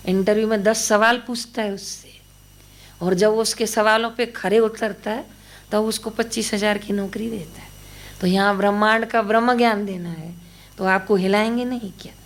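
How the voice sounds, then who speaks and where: A woman tells devotional stories in a spiritual talk. Her voice sits in a middle pitch for a woman. She narrates anecdotes and slips into the dialogue of the people in them. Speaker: devotional storyteller.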